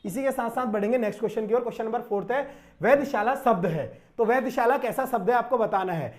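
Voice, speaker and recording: A man's voice: very high-pitched, fast. Man teaching grammar in casual exam coaching. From Uttarakhand, India. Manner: conversational, repeats questions, says "bhai", stretches out syllables. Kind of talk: exam-prep grammar lesson.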